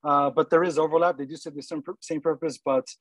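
A man's voice: a little high, fairly even intonation, fast, no echo. A man presenting at a webinar and answering questions, in a loose, hesitant way with many fillers.

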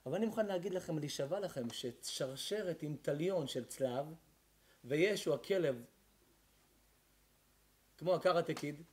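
A man, a rabbi, giving a sermon to a live audience, swinging from quiet talk to emphatic shouting. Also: fairly high pitch, long pauses.

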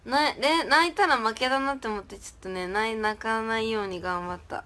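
A woman's voice: fairly high pitch, brisk, pushed and bright. Chatty young woman, giggly livestream talk. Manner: chatty, giggly, reads and answers viewer comments. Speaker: idol livestreamer. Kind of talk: casual livestream chat.

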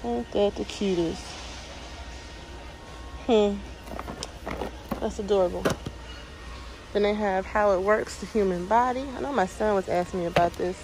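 Browsing aisles in a large store with her son, a young woman shopping vlogger reads out items and prices in casual narration. Her mid-range voice is a little slow and pauses often. The recording is noisy handheld phone audio with the ambience of a crowded store.

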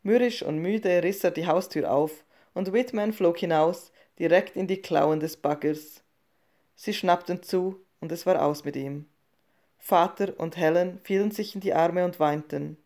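A woman with a fairly low voice reads a short story aloud. Her narration is calm, measured and subdued, unhurried from line to line. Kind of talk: audiobook reading of a short story.

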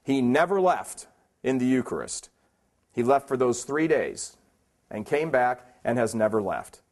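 Guy preaching at a conference, punchy, keeps asking the crowd questions, mid pitch. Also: sing-song, a little slow, a little mellow. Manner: emphatic, rhetorical questions, plainspoken asides. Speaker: conference speaker.

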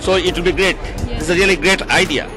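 A middle-aged man talks eagerly in halting English into a handheld mic in an outdoor courtyard. His voice sits slightly high for a man. Music plays clearly in the background. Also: fairly even intonation, crowd noise. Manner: enthusiastic, halting non-native English. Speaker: ambassador guest. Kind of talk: event interview.

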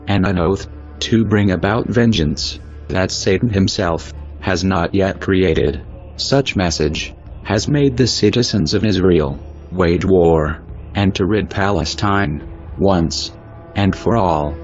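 A man with a disguised, digitally deepened voice, delivering a solemn, measured statement as an anonymous spokesperson. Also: darkish tone. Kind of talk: scripted statement. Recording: muffled lo-fi audio with faint music behind.

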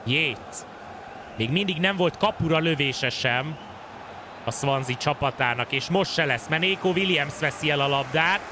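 A man giving excited sports commentary on a football video game, stretching out his calls as he follows play. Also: fairly high pitch, background noise. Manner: excited, swinging into drawn-out shouts at chances. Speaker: gaming host and match commentator.

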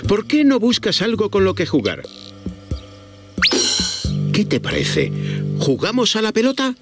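Children's music accompanies a man narrating a preschool cartoon in a Castilian Spanish accent from Spain. His high voice takes huge pitch swings without hurrying, addressing the characters playfully and young children expressively.

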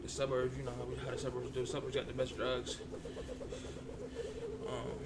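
A man's voice: mid-range voice, monotone, fairly quick, heavy background noise, natural voice. A man voicing a frantic, down-on-his-luck addict who begs and rambles repetitively in an ASMR role-play. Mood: wistful rambling.

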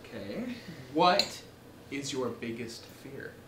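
A woman's voice: extremely low pitch, big pitch swings, takes it slowly, noisy background, exaggerated voice. A woman acting an awkward, eager nineteen-year-old guy who talks oddly formally in a comedy sketch. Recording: roomy sound with music.

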